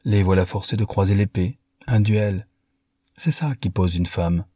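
A vain, scheming young Parisian woman, delighted to be fought over, as a male reader puts her on. The voice stays deep and husky, and it is recorded dry. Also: measured pace, warm tone, no echo. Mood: coquettish. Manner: coquettish, mocking.

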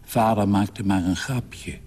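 Guy doing a gentle serious mom, slow and husky. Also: on the low side. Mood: soothing. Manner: soothing, matter-of-fact. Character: calm, gentle, somber mother.

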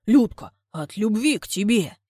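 A woman's voice: medium pitch, lively intonation, a little slow, dark tone, breathy edge, no room sound, clean studio sound. A woman voicing a clumsy, besotted village man who pleads and fawns, stumbling for words. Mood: fawning.

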